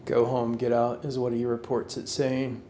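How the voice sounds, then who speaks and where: A man investigating the paranormal, speaking to a spirit in a firm, measured way. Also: medium pitch, monotone, warm tone, reverberant, a little hiss or hum. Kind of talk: calm address to a spirit.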